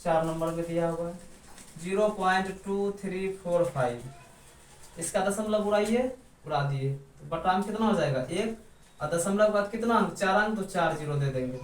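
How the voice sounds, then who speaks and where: A man with a high-pitched voice teaches math at a board, walking through each step and answering the questions he puts to the class. His voice comes from some way off the mic and rings around an echoey room, with faint noise behind it. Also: distant mic. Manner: asks the class questions and answers them himself. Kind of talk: step-by-step blackboard math lesson.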